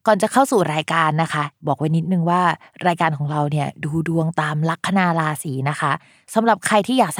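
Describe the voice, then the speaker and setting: A woman's voice: lowish voice, no echo, clean studio sound. A woman hosting an astrology podcast, chatty and explaining step by step with casual exclamations. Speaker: astrologer host.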